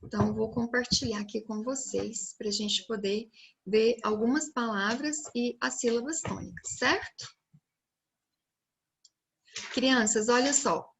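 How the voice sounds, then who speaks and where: Brazilian teacher slowly sounding out words. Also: female voice, on the high side. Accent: Brazilian Portuguese. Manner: slow, clear, stretching out words and syllables. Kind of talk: recorded video lesson for children.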